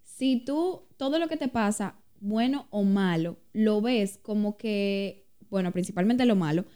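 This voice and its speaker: Reflective woman co-host, warm mellow voice, personal and questioning. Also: medium pitch, animated, measured pace, clear, resonant tone. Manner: reflective, asks questions, shares personal experience. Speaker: podcast co-host. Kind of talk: casual faith talk.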